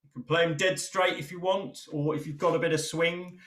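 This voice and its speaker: A man teaching a djembe lesson in a relaxed, encouraging way, counting drum strokes aloud. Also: fairly high pitch, normal speed, over loud music. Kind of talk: online percussion lesson. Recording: roomy sound with loud drumming. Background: djembe drumming.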